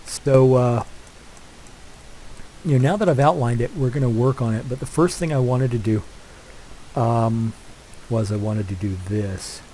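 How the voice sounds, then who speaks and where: An older man hosting a let's play narrates his gameplay with a head cold, his mid-range voice mellow and congested. He rambles casually at a measured pace, with long pauses, fillers, and restarts as he circles back. The rough recording carries a faint hiss underneath.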